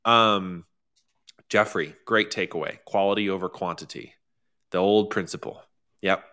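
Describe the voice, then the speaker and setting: A man co-hosting a live sales workshop, talking casually and enthusiastically, often chiming in with quick affirmations. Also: deep voice, steady tone, bright, forceful tone. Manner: enthusiastic, frequent affirming interjections. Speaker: workshop co-host. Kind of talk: casual live webinar talk. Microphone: close to the mic.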